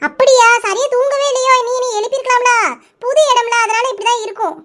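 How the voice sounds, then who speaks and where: A woman's voice: extremely high pitch, fast talker, fairly bright tone. A woman voicing a kindly, bossy middle-aged village woman in a cartoon, fussing affectionately, with a Kanyakumari Tamil accent. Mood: bustling. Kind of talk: cartoon voice acting.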